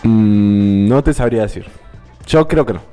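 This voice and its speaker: A man's voice: lowish voice, unhurried, warm tone, soft background music. A man, playing a guessing game on a live stream, thinking aloud and repeating himself.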